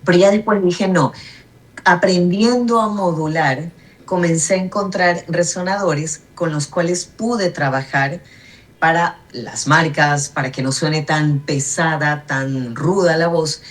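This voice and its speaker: A woman with a lower-than-usual contralto voice. She is a voice-over artist and announcer, talking through her craft on a radio show in a thoughtful, explanatory way, with fillers and restarts. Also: measured pace. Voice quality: low contralto voice. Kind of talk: radio interview conversation.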